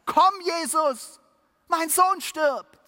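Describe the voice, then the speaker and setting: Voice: animated, a little slow, in a large hall. A preacher acting out the voice of a desperate father begging for his dying son's life. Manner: pleading, high and loud.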